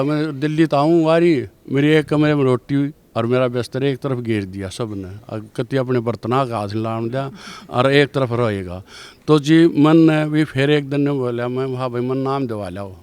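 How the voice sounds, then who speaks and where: A man's voice: mid-range voice, darkish tone, smooth. An older man tells a personal testimony story in a rambling way, with many restarts. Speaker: devotee giving testimony.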